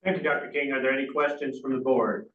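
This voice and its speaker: A man's voice: medium pitch, steady tone, quick pace, fairly bright tone. A man acting as board chairman, speaking formally and courteously as he runs meeting procedure. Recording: distant, roomy, dull, faint noise.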